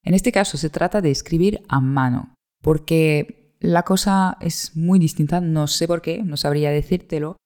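A woman from in her thirties talks straight to her listener in a solo podcast monologue. Her voice is mellow and warm, and she sounds like a coach sharing tools. Her delivery is reflective and unhurried. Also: deep voice. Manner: reflective, conversational, gently coaching. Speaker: podcast host.

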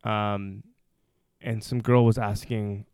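A man from Toronto hosting a casual podcast chat, relaxed and rambling with fillers. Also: on the low side, slow pace, clear, resonant tone, no echo, clean studio sound. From Toronto, Canada. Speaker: podcast host.

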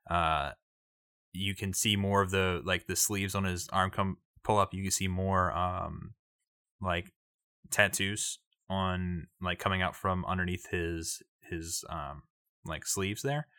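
A man narrating as game master of a tabletop game, talking haltingly with many fillers. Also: low-pitched, steady tone, sharp tone, smooth, no echo, clean studio sound.

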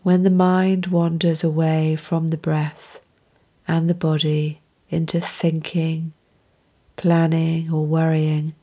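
A woman leads a mindfulness meditation, calm and soothing, in a soft-edged, mellow, slightly low and husky voice. She speaks very slowly, letting each gentle phrase settle before moving on.

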